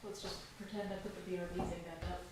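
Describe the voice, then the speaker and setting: A woman's voice: on the low side, flat delivery, fast. Woman talking with a cave-like echo. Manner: rambling, chatty asides. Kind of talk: casual crochet livestream chat. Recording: echoey cavern-like room, faint background noise.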